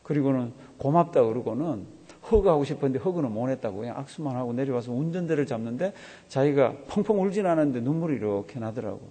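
A man's voice: medium pitch, lively intonation, quick pace, mellow, breathy edge. A man preaching a sermon as a pastor, telling a story and acting out the voices of the people in it. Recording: long hall reverb.

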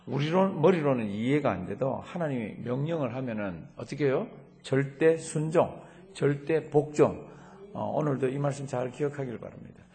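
A middle-aged male pastor preaching a sermon, asking rhetorical questions and slowing down to read scripture aloud, in a church sanctuary. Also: mid-range voice, lively intonation, creaky, a little mellow. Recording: long church hall reverb.

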